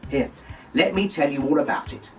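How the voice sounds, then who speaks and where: A man playing a gossipy, saucy pantomime dame in a camp, shrill, mock-scandalised voice, delivering a comic monologue. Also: normal speed, distant mic, faint music behind, lightly acted. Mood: gossipy, dreamy. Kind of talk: comic monologue full of puns.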